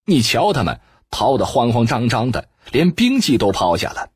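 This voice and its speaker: A man voicing a brash, loud, jeering male martial artist in an audiobook. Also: medium pitch, sing-song, moderate pace, slightly rough, dry recording, studio quality. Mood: mocking.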